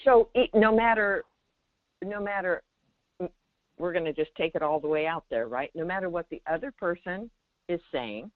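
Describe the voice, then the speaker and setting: A meditation teacher offers spiritual guidance to callers during a remote audio call, speaking emphatically and often checking in with rhetorical questions. Her voice is fairly low with lively intonation, at a moderate pace with frequent pauses, and the call audio is dull and lo-fi with no room sound.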